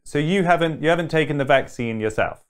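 A man's voice: fairly high pitch, expressive, quick pace, smooth. A man in his thirties hosting an interview from a studio, asking questions in a polite, eager way. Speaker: interview host.

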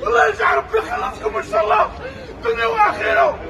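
Algerian man, angry crying and shouting, extremely high strained pitch, fast, crowd around him outdoors. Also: animated, vocal fry, rough recording. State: crying with grief and anger. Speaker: stranded traveller protesting. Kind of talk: angry public tirade. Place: outside an airport terminal among a crowd. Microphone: bystander's handheld phone. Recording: outdoor crowd noise, phone video.

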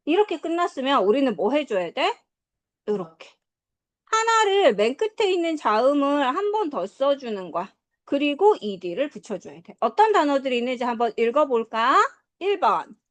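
A woman teaching English to a class, drilling pronunciation and quizzing her students in a lively, coaxing way. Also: sits high, normal speed. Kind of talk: classroom lesson.

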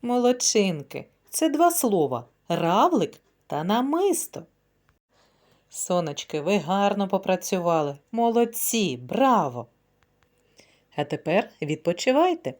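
A woman's voice: mid-range voice, big pitch swings, takes it slowly, a little mellow. A woman kindergarten teacher leading a phonics word game for young children, speaking in a sing-song, encouraging way.

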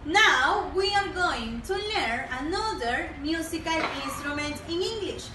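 High, sing-song woman teaching children. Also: background noise. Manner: sing-song coaxing, repeats each word, drawn-out pronunciation. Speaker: primary school English teacher. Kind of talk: bilingual children's lesson, slow and exaggerated. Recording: echoey room, voice a bit distant.

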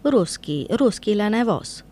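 A woman's voice: mid-range voice, very animated, dark tone, pitched above the performer's own voice. A woman voicing a mocking old one-legged bargeman with a thin, sneering voice. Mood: taunting.

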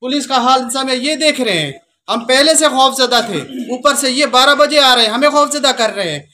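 A man, forcefully complaining to reporters at an outdoor market. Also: very high-pitched, a little fast, a little hiss or hum. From Pakistan. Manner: indignant, forceful complaint to the press. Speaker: protesting farmer spokesman. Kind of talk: street interview statement. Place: outdoor market arcade with crowd.

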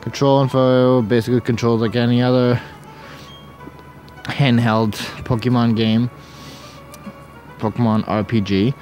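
Male gameplay host, casual and unhurried, chatty with lots of fillers. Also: mid-range voice, level tone, darkish tone, soft background music. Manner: rambling, jokey, many fillers. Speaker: Let's Play host.

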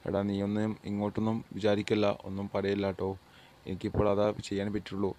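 A man voicing a brisk company boss who lays off a worker, in an amateur dub of a game short film. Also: lowish voice, monotone, mellow, a little hiss or hum, close to an everyday voice. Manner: brisk and matter-of-fact. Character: male company boss, blunt and businesslike.

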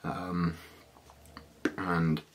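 A man's voice: sits low, completely flat delivery, very slow, a little hiss or hum. A British man in his thirties giving a casual, slangy, slightly hesitant hands-on gear walkthrough indoors. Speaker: motovlogger. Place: small living room, indoors.

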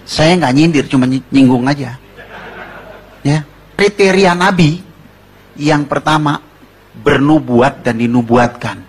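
A man's voice: mid-range voice, husky. A man preaching a conversational sermon, asking the congregation rhetorical questions and telling jokey stories in a slangy, informal way. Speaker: preacher giving a testimony.

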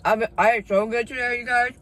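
A woman's voice: on the high side, steady tone, fairly quick, fairly bright tone, a little hiss or hum. Woman talking with her mouth full. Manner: playful, joking. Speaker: mukbang vlogger. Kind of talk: casual chat while eating.

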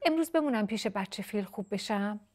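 A woman voicing a small, timid bee-eater chick in a high, childlike, pleading voice. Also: lively intonation, a little mellow. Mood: sulky.

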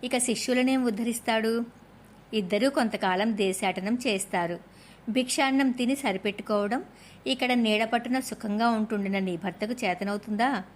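A woman reading a devotional story aloud as scripted narration, reading steadily and softening her voice for the quoted speech. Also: mid-range voice, slight background noise.

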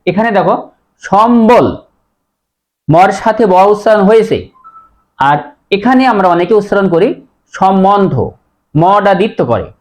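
A man teaching a pronunciation lesson, explaining rules step by step and repeating each word slowly. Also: high voice, a little mellow.

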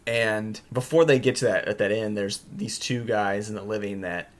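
A man's voice: lowish voice, steady tone, normal speed. A young man hosting a book podcast, chatting casually and rambling with many restarts and fillers.

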